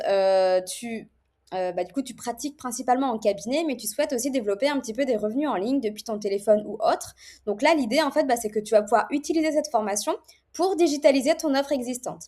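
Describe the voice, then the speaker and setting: Chatty woman with a fairly high voice. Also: darkish tone. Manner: chatty, many fillers and restarts. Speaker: online course presenter. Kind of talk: casual direct-to-viewer presentation.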